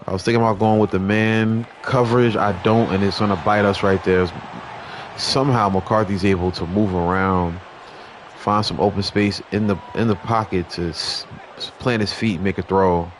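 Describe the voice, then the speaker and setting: Young guy with a low voice calling a football video game, laid back, faint hiss behind. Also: moderate pace. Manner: relaxed, conversational, mild restarts. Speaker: gaming commentator. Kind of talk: casual video game play-by-play commentary.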